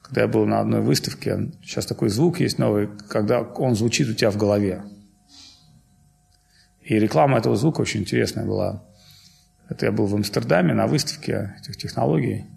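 A man's voice: lowish voice, fairly quick, creaky, darkish tone. A man giving an informal spiritual lecture, talking loosely and digressively with many fillers and self-corrections.

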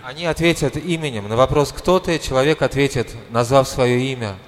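A man's voice: medium pitch, brisk. A male interpreter with a mid-range voice relays a speaker's lines one by one. He rephrases and corrects himself mid-sentence, and the hall around him adds a long reverb. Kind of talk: consecutive interpreting.

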